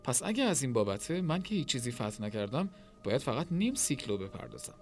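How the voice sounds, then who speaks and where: A man voicing a sharp-witted Babylonian scholar who speaks in a dry, ironic way. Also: medium pitch, very animated, soft background music. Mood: wry.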